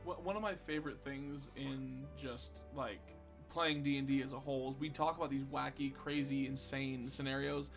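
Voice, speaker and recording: A man's voice: medium pitch, fairly even intonation, normal speed, faint music behind. A man who runs the game, chatting casually at a podcast roundtable, rambling and laughing often. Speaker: dungeon master of a tabletop game podcast.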